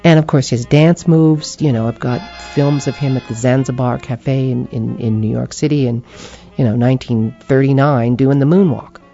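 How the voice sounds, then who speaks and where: An older woman talking casually as an interview guest, animated and quick to laugh, acting out voices as she tells her stories. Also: very deep voice, muffled recording, faint music behind. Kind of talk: casual chat.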